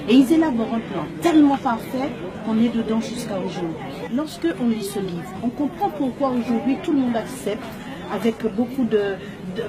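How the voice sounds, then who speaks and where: A woman from Martinique, her voice a little high, presents her book with impassioned, emphatic storytelling and rhetorical questions. The audio is poor, with crowd chatter behind her.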